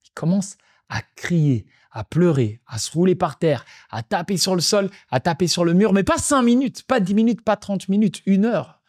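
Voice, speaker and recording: Guy telling dad stories on a podcast, kinda high voice, reflective, repeats himself for emphasis. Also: expressive, moderate pace. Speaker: podcast host and father. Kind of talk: casual storytelling monologue.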